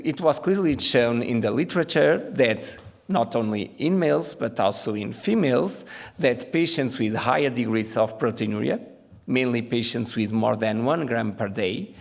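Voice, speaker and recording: A man from Portugal, a native Portuguese speaker, gives a medical conference lecture in a measured way with frequent "uh" fillers. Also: medium pitch, creaky. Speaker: invited lecturer, physician. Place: conference hall. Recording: reverberant conference hall.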